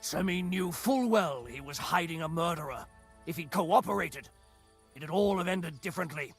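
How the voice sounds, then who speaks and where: An actor playing a ruthless, bloodthirsty burgrave in a video game, raspy, commanding and full of menace. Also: male voice, on the high side, normal speed, soft background music, close to an everyday voice. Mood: callous. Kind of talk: dramatic video game acting.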